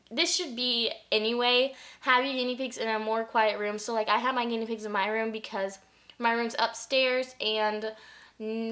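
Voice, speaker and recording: A woman's voice: a little high, pushed and bright. A young woman giving casual pet-care tips in a chatty vlog, full of fillers. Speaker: pet vlogger.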